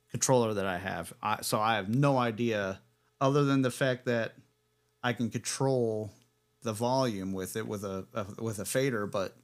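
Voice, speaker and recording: A man hosting a casual livestream equipment test, rambling and chuckling as he corrects himself. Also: medium pitch. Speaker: livestream host.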